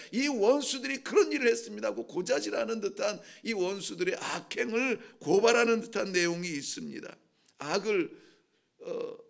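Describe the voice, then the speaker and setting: A man preaches an early-morning sermon with a high, gravelly voice. His talk is conversational and earnest, and he slips into the voices of the people who plead in his text. The rasp of his high voice runs through every line. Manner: conversational preaching that acts out heartfelt pleas in voices. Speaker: pastor.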